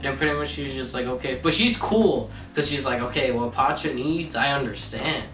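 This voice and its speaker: Drunk male, halting and repetitive movie storyteller, a bit distant from the mic with faint music. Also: mid-range voice, fairly bright tone, echoey room. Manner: drunk, halting, leaning on stock phrases. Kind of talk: casual comedic movie retelling.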